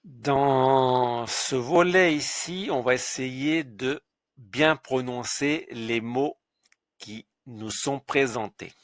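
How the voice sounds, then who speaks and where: A man's voice: medium pitch, drawn-out words, no echo. Man, pronunciation teacher, patient, spells sounds letter by letter, dry close sound. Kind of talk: slow instructional lesson.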